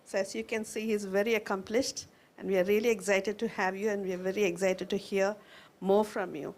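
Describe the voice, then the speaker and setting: A woman's voice: mid-range voice, flat delivery, fairly quick, a little mellow. Formal woman introducing a guest speaker. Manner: formal, reading aloud. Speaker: event host introducing a speaker.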